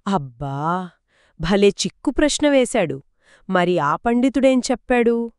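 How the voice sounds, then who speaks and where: A woman joins a children's story conversation, prompting with eager questions and quick reactions. Her voice is smooth and clear at a medium pitch, recorded close and dry. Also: expressive, darkish tone, dry recording. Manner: curious, reacting with exclamations. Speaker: co-host asking questions.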